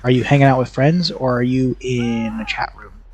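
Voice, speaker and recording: A man streaming a horror game live, chatting with viewers and reacting loudly to the match. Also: medium pitch, normal speed, husky. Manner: chatty, reacts loudly and reads chat aloud. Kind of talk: live gameplay commentary.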